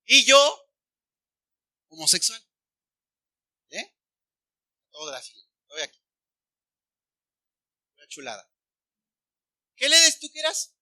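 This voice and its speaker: High-voiced pastor preaching. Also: male voice, slow, long pauses, dry recording. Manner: animated, questions the congregation directly. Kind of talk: sermon. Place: church.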